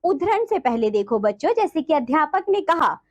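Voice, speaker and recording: A woman teacher gives a grammar lesson to children with a high, bright-pitched voice. Her pitch rises and falls a great deal as she talks. She explains patiently, keeps calling the class "children", and leans on her example sentences. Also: big pitch swings, moderate pace. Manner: stresses example sentences to show meaning.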